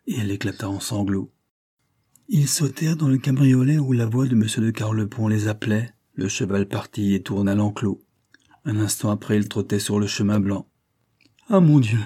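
Man reading an old novel aloud, low voice, mellow and dark. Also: slightly rough. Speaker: audiobook narrator. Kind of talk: scripted narration of a novel.

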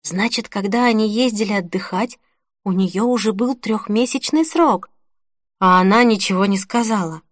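Here a woman with a medium-pitched voice narrates a novel as an audiobook reader, keeping a calm, measured storytelling pace through scripted text. The sound is studio quality with no echo.

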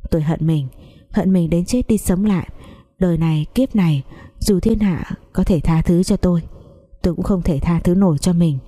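A woman's voice: on the low side, moderate pace, warm tone. A woman narrating a first-person story in a somber, emotional manner.

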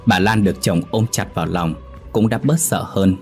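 A man reads a scripted horror story. His voice sits very low, and his delivery stays steady, measured and grave. Soft music plays faintly behind him.

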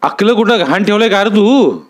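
A man voicing a stern older village landlord who talks gruffly and scolds. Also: sits high, expressive, normal speed, voice pushed up. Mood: angry scolding.

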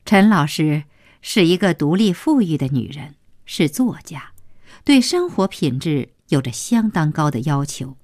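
Slow, expressive woman narrating a novel. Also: low voice, no echo, studio quality. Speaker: audiobook narrator.

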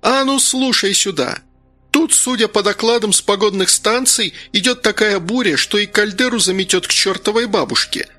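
Man voicing a brisk female commander. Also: high-pitched, pushed and bright, faint music behind, pitched above the performer's own voice. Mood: commanding. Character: stern female guard commander.

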